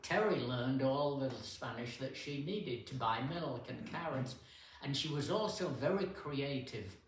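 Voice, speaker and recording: An older man with a medium-pitched, animated voice tells stories slowly as a guest speaker at a men's fellowship in a church hall. His casual talk is unhurried and anecdotal, full of pauses and fillers, and the distant mic picks up an echoey room and faint hiss.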